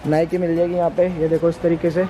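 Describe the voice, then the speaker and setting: A man hosting a promotional store tour to camera, pushing discounts and brands in an insistent, repetitive hard-sell pitch. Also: level tone, a little fast, warm tone, rough recording. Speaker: vlog host touring a discount store. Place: inside a retail store. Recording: music playing behind the voice.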